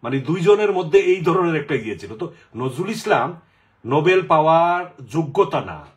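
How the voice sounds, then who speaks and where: A man's voice: fairly high pitch, animated, moderate pace. A middle-aged man from the Sylhet region, chatting casually in a rambling way with many fillers. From Sylhet region, Bangladesh. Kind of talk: casual chat.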